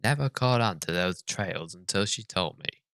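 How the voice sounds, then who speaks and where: A man's voice: low-pitched, animated, moderate pace, a bit bright, smooth, dry recording. A man giving profane, sarcastic commentary as he reads a story and rants about it. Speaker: comedic reader and commentator.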